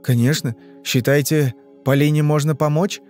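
A man's voice: on the high side, fairly even intonation, normal speed, darkish tone, soft background music, pitched above the performer's own voice, natural voice. A man voicing an anxious middle-aged businessman and father in an audiobook, flustered and hesitant. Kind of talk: audiobook reading.

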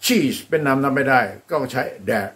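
A man teaching English, speaking Thai with a Thai accent. He models English phrases slowly and with care, then explains quickly and encourages his students warmly. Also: mid-range voice, lively intonation. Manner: upbeat and encouraging, often praising the students. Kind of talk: classroom-style English drill.

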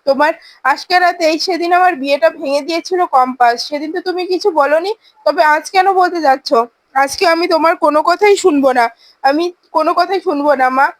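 A woman's voice: very high-pitched, fast talker, no echo. A woman voicing a bitter young daughter who speaks harshly and defiantly to her mother.

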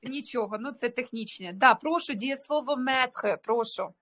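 A woman's voice: fairly high pitch, moderate pace, a bit bright. A woman whose first language is Russian, teaching a French lesson over a video call, explaining patiently and checking that students follow. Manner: explains patiently, checks understanding with tag questions.

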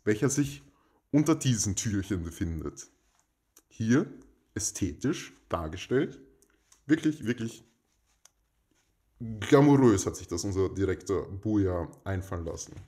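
A man makes a mock-formal giveaway announcement as host, speaking in a pompous, stilted and deadpan manner. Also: lowish voice, unhurried, pauses often. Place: indoors in a home.

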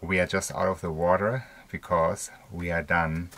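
Deep-voiced man narrating a relaxed vlog. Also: normal speed, background noise. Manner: relaxed, chatty, laughs often. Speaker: travel vlogger. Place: outdoors on a small island by the sea.

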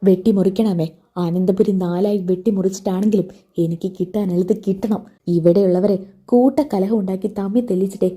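A spiteful young daughter-in-law, sulky and defiant, with a husky, mellow voice. A woman reads her lines in a storytelling voice. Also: mid-range voice, fairly even intonation, fairly quick, close to an everyday voice. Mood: scheming.

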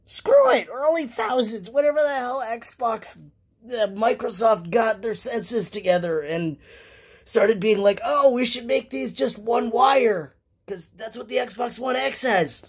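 Casting: woman with a badly hoarse lost voice slipping into whisper, slow-paced, sarcastic and sweary, casual handheld vlog. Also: a little high. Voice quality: lost voice from laryngitis: hoarse, breathy, cracking into a whisper. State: hoarse with laryngitis, occasional coughing. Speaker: gamer showing a home setup. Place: small room at home with wooden floor. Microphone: handheld phone.

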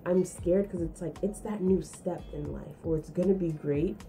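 A young woman tells a candid story in a casual storytime vlog, rambling with fillers. Her voice sits fairly low and sounds dark and mellow. Faint music plays underneath. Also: moderate pace, vocal fry, low-quality recording. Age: young adult. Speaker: vlogger.

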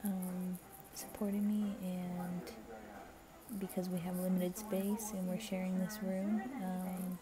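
A young woman talking quietly and half-whispering late at night in a shared bedroom, rambling with many fillers as she hosts a spiritual reading. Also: lowish voice, level tone, slow pace. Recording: TV chatter in the background. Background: television playing.

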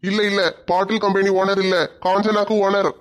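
Give me a woman voicing a drunk, bullying thief husband, rapid and monotone. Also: medium pitch, pitched below the performer's own voice, lightly acted. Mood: boastful. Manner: bullying, slurring threats. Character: drunk boastful male thief, middle-aged husband. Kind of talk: comedy skit acting.

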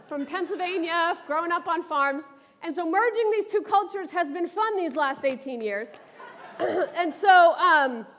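A woman in her forties gives a sermon with a very high voice. She tells her stories in an animated, self-deprecating way, and a long hall reverb trails each phrase. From New York City. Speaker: speaker at a church service.

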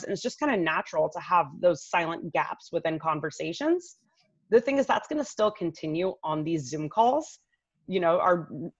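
Speaking to the listener directly, a thirty-something image coach explains practical advice in an informal, chatty way over a video call at home. Her voice sits lowish, and since she's indoors in her living room on a laptop mic, the webcam sound is a bit dull and roomy.

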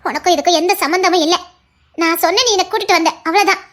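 A woman's voice: very high voice, quick pace, fairly bright tone. A woman dubbing a defiant young woman in a comic serial spoof, with a Tirunelveli Tamil accent. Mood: protective.

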